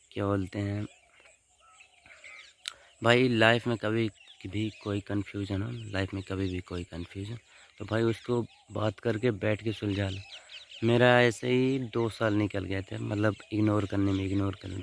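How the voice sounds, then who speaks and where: A man's voice: on the low side, little pitch movement, measured pace, vocal fry, a little hiss or hum. A young man giving relationship advice in a casual vlog from a farm field, talking informally and often repeating little check-in words. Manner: informal, repeats "thik hai" and "bhai". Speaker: vlogger.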